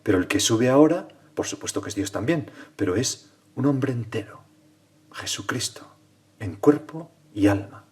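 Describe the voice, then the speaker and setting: A priest leading a prayerful spoken meditation, speaking directly to the Lord and often dropping to hushed tones. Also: male voice, mid-range voice, lively intonation, moderate pace.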